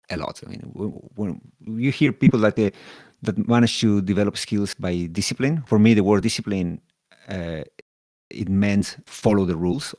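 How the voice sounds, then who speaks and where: A man from Chile speaks as a podcast guest in a low voice, answering casually and restarting phrases as he gathers his thoughts. The sound is dry and close to the mic. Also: dry recording. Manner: halting, repeats words while thinking. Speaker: podcast guest, solution architect.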